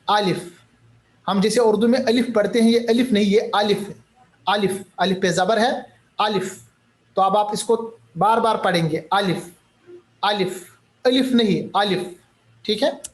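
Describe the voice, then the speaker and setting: A man teaching Qur'anic recitation in a recorded lecture. He explains patiently, repeats each term, mixes in English words and sounds out letters slowly. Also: extremely high pitch.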